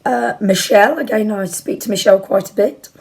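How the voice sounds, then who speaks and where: A woman in her forties with a croaky voice, under the weather, chatting casually and candidly to camera as she answers viewer questions in a rambling way. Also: medium pitch, brisk, a little mellow. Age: 40s. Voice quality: croaky, husky. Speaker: video blogger. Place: bedroom at home, indoors.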